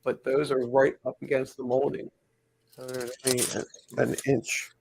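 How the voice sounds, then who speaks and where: Gravelly-voiced man chatting casually. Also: mid-range voice, a little slow, a little hiss or hum, rough recording. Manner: relaxed, rambling, thinking aloud. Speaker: pin collector host. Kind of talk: casual chat while hanging pins.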